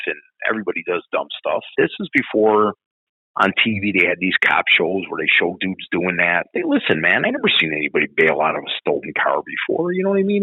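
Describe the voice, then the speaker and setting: A middle-aged man, a retired police officer telling stories in an interview, profane and animated. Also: lowish voice, slightly rough, no echo, phone-quality sound. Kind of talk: storytelling in an interview.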